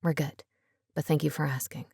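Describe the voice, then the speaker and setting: Soft-spoken polite young man voiced by a woman narrator, lowered and hushed, dry recording. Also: steady tone, normal speed, creaky, slightly rough, dry recording, full character voice. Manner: soft, polite, says ma'am.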